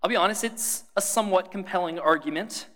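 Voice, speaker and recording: A man's voice: high-pitched, fairly quick, a bit bright. A man preaching a sermon in a conversational way, putting questions to his listeners and adding dry humor.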